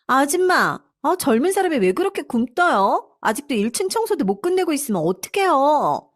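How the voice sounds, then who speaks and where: Play a spoiled young wife, pitched well up, sneering and contemptuous at everyone around her, as in a storybook drama, with a woman putting her on. Keep it dry and close. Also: sing-song, a little fast, dry recording. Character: rude spoiled young wife, shrill and scornful.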